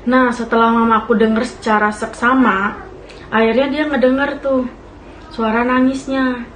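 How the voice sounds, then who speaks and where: A woman's voice: a little high, flat delivery, moderate pace. A young woman, telling a ghost story in a casual, chatty way to her listeners and often laughing as she talks. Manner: chatty, addresses listeners as friends. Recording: echoey room with faint hiss.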